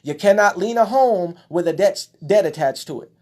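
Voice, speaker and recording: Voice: medium pitch, animated, moderate pace, darkish tone. A speaker giving an impassioned, preachy monologue while showing documents, winded at times. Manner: preachy, emphatic, exclaims at times. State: out of breath. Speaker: speaker addressing followers.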